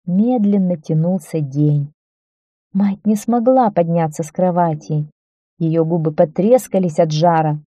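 A woman narrating a children's story aloud, calm and steady. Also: medium pitch, dry recording.

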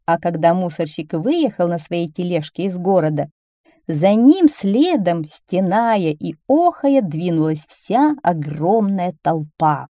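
A woman reading a children's story aloud in an expressive, animated way. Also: fairly low pitch, slow pace, dry recording, clean studio sound.

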